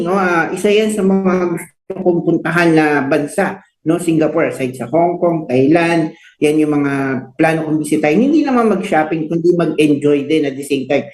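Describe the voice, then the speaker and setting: A man's voice: fairly high pitch, lively intonation, a little fast, darkish tone, roomy sound, poor audio. A Filipino man hosting a radio show, chatting casually, mixing Tagalog and English and ending lines with "no?". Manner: frequent "no?" tag questions, mixes Tagalog and English. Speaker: radio host. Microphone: headset.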